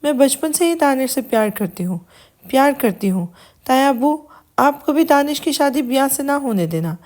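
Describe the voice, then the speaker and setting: A woman's voice: high voice, lively intonation, darkish tone. A woman voicing a timid, hurt young woman who pleads fearfully in an audio novel. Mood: pleading.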